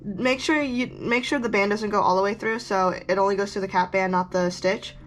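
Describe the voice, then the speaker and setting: A woman's voice: mid-range voice, a little fast. Woman, casual craft tutorial, chatty and rambling, chewing gum, faint room hum. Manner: chatty, rambling, self-correcting asides.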